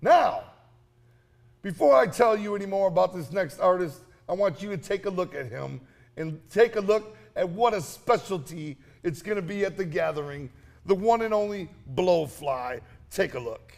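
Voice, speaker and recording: A man's voice: high voice, expressive, moderate pace, creaky, darkish tone. A man co-hosting a comedic infomercial, announcing festival acts with crude, repetitive, mock-solemn hype.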